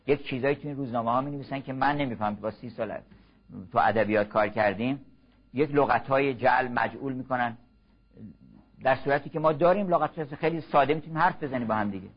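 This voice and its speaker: An older man giving a measured, exhorting religious lecture, slow and earnest. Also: mid-range voice, husky. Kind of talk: sermon-style lecture. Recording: muffled lo-fi recording.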